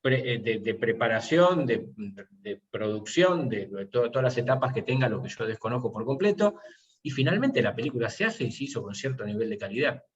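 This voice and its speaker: A man's voice: mid-range voice, expressive, normal speed. A man, a university teacher, explaining his course methods in an online seminar and posing rhetorical questions. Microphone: video call. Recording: muffled video call audio.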